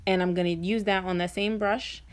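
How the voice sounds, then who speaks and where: A woman narrates a beauty tutorial as a vlogger would. She is chatty and informal, speaking straight to her viewers at a middling pitch. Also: steady tone, normal speed. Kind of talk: casual makeup tutorial voice-over.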